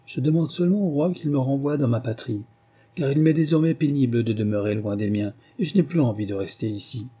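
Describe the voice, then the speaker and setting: A humble, forgiving barber in a storybook tale, pleading his case earnestly, as voiced by a man reading aloud. The tone stays close to the narrator's own, dark and husky. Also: mid-range voice, brisk, natural voice. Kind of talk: audiobook reading.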